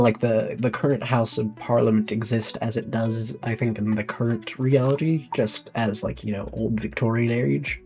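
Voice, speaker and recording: A man's voice: medium pitch, a little mellow, husky, rough recording. A man streaming, reading a document aloud with casual, thinking-aloud asides.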